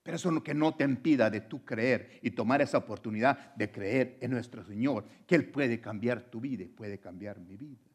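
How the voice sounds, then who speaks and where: A man preaching a sermon as pastor at a church service, moving between loud fervent appeals and hushed, quiet passages. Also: medium pitch, normal speed, husky.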